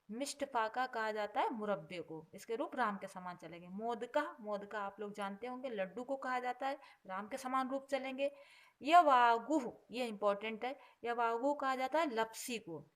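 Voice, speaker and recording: A woman teaching a vocabulary lesson. She explains patiently, repeating each word before its meaning, and stresses each headword louder before dropping low on the grammar note. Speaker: Sanskrit teacher.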